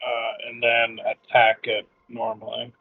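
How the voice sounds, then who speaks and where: A man playing a tabletop game, halting as he says what he does step by step. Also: mid-range voice, completely flat delivery, vocal fry, breathy edge, phone-quality sound. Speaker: player. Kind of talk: casual tabletop play.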